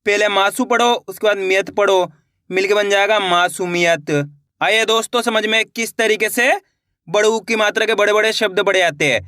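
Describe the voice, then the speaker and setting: A man's voice: high-pitched, steady tone, moderate pace, bright, forceful tone, dry recording, studio quality. A man teaching an online reading lesson, sounding words out syllable by syllable and then blending them, encouraging his viewers as friends.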